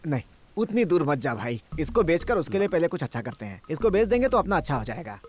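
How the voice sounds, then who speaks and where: A man voicing a loud, fussing middle-aged uncle in a dubbed film, talking in an animated, exclaiming way. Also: on the high side, quick pace. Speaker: hero's maternal uncle. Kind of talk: Hindi film dub.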